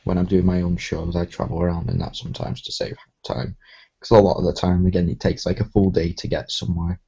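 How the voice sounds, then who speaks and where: A man hosting a casual live stream, talking in a slow, even way that often trails off. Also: deep voice, creaky, breathy edge. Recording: dull lo-fi stream audio.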